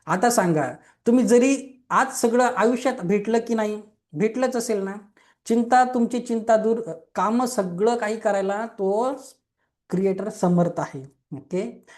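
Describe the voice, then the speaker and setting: At a measured pace and in a high voice, a young adult man teaches Reiki over an online webinar mic. He explains simply, uses questions and everyday examples, and keeps checking in to ask if his listeners agree.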